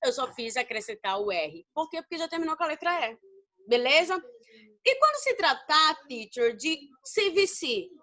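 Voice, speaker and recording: Brazilian woman teacher, high-pitched and bright, fond and chatty, asks and answers her own questions. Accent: Brazilian Portuguese. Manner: affectionate, calls students babies. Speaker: English teacher. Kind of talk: recorded grammar lesson.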